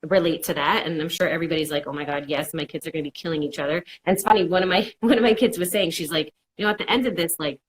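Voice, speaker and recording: A woman's voice: mid-range voice, slight background noise, poor audio. A woman counselor giving casual, reassuring advice and acting out worried inner voices in quotes. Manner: reassuring, repeats "it's okay". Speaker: mental health counselor. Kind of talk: conversational advice.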